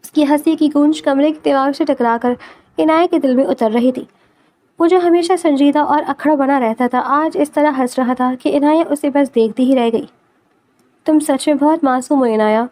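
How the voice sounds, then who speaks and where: In a high register with a mellow, warm tone, a woman reads a romance novel aloud. Her delivery is steady and expressive, like a scripted audiobook narration.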